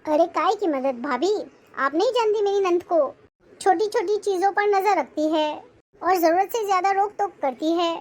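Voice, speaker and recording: A woman's voice: very high voice, normal speed, darkish tone. A woman playing an anxious, complaining young married woman in an acted family drama. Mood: fretful. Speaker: married daughter. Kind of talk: acted Hindi family short film.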